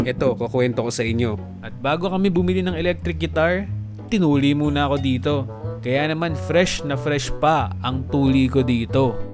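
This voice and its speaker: A young man from the Philippines narrating a comedic storytime for an animated video, with playful jokey asides to viewers. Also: a little high. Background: background music.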